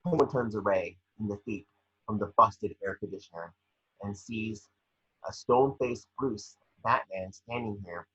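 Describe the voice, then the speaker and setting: In an amateur table read, a man with a lowish, slightly rough and fairly bright voice narrates the screenplay's scene descriptions at a measured pace, sometimes stumbling over the script. The recording sounds lo-fi.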